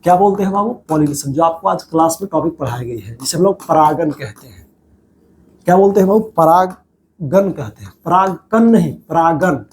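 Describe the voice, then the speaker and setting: A man's voice: a little high, expressive, quick pace, darkish tone, a little hiss or hum. A man teaching a biology class over diagrams, repeating each key term as a question to his students and calling them "babu".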